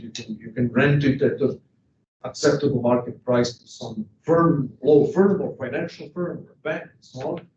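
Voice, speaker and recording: In a distant, echoey, dull classroom recording with a little hiss or hum, a man from Serbia lectures on economics. His voice is a little high with a darkish tone, and he speaks emphatically, posing rhetorical questions to the students.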